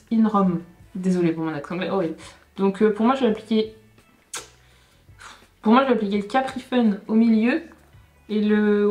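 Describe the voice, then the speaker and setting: A young woman chatting casually through a makeup tutorial, thinking aloud with many hesitations and self-corrections, often dropping into quiet asides. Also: medium pitch. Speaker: beauty vlogger. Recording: roomy echo with faint background music.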